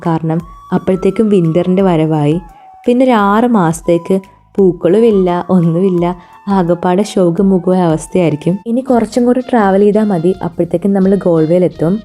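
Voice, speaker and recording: A woman's voice: lowish voice, fairly quick, dark tone. A woman with a Malayali accent narrating a casual travel vlog, dropping English words into her Malayalam. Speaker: travel vlogger. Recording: music under the voice. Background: music.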